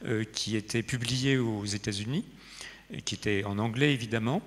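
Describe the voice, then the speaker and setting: A man giving an informal conference talk, hesitant and often pausing in the middle of his sentences. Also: on the low side. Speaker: conference speaker. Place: conference hall. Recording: reverberant hall, faint noise and audience.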